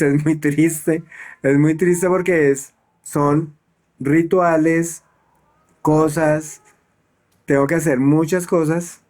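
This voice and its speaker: A man's voice: a little high, darkish tone. A man talking reflectively in a conversation, often stumbling and repeating words while he thinks.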